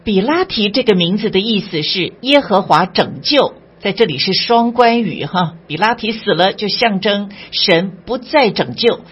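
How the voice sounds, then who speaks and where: A woman with a very husky, breathy voice teaches through a passage of scripture. She reads each verse aloud, then explains it with small conversational asides. The recording sounds dull and lo-fi. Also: mid-range voice, lively intonation, moderate pace, few pauses. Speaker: Bible teacher. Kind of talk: devotional Bible commentary.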